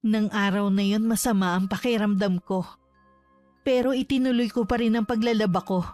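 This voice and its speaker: A woman narrating a horror story in a steady, measured way. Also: medium pitch, faint music behind.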